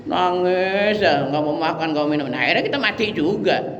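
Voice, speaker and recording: A man, preaching a lively, colloquial sermon that he acts out. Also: high-pitched, fairly quick, background noise. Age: 60s. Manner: animated, colloquial and dramatizing. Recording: echoey hall, dull sound.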